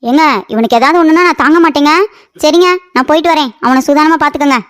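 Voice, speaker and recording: A man voicing a fussy young wife in a cartoon story, talking in a high, pleading, nagging way. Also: fast, a bit bright. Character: fussy young wife, doting on pet crow.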